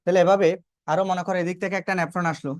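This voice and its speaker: Racing through a biology lesson, a high-pitched man uses fairly even intonation, quizzing the class and then answering his own questions. He repeats key terms to make them stick, and the studio-quality audio has no room sound.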